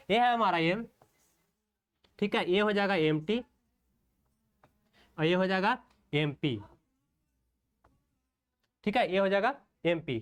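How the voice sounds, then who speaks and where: A man teaching an online shorthand class, walking through strokes step by step, often asking rhetorical questions and checking in with "okay". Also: sits high. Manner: slow, step-by-step explanation while writing strokes.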